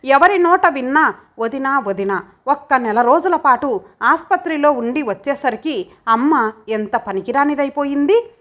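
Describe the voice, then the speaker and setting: A woman narrating a magazine story as an audiobook, in a steady, expressive reading. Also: sits high, normal speed.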